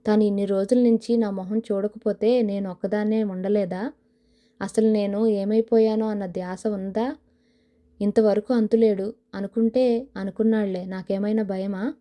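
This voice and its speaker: A woman's voice: mid-range voice, steady tone, normal speed, dark tone, lightly acted. Touchy young actress, as a woman narrator puts her on. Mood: indignant. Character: young woman, aspiring film actress, quick-tempered.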